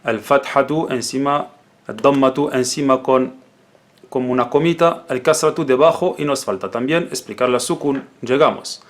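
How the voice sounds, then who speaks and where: A man teaching the Arabic alphabet in a patient, spoken lesson, repeating each syllable slowly and drilling it. His first language is Arabic. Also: mid-range voice.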